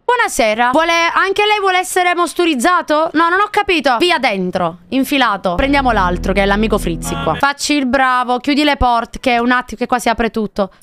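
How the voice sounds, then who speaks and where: A young woman with a high, bright voice talks her way through a horror game for her live stream. She chats constantly with her viewers, jumps at every scare, and lets out screams and curses. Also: lively intonation, brisk, few pauses, slight background noise. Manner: jumpy, screams and swears at scares, chatty with chat. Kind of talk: live gaming commentary.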